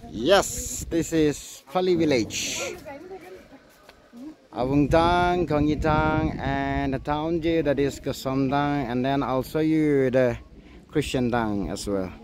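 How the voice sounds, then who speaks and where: A man with a mid-range voice narrates a casual walking tour, chatty and eager to point things out. He speaks into a handheld phone as he moves. Steady background noise sits under his voice. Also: medium pitch, slow. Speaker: vlogger giving a walking tour. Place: outdoors on a hillside village and indoors.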